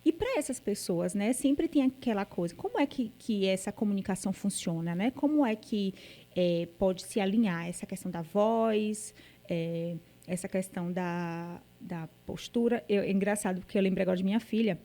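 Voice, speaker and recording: A woman's voice: mid-range voice, lively intonation, normal speed, mellow. A woman with a Brazilian Portuguese accent hosting a podcast, thinking aloud hesitantly and often ending with tag questions. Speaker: podcast host. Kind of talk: casual podcast chat.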